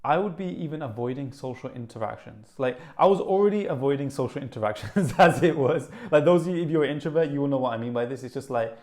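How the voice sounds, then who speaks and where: A young man with a Birmingham accent, talking fast and eagerly to camera as a wellness vlogger, with lots of "like" fillers. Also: medium pitch. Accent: Birmingham (Brummie). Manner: fast, excited, animated, with many "like" fillers. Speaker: wellness YouTuber. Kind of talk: casual vlog talk to camera.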